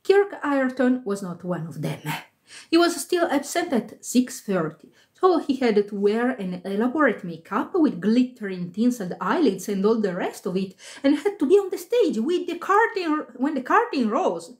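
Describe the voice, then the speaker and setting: A woman's voice: fairly high pitch, very animated, normal speed. Woman reading a ghost story aloud. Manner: reads aloud with occasional slips, laughs and comments. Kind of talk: live-streamed story reading with chat asides. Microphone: phone.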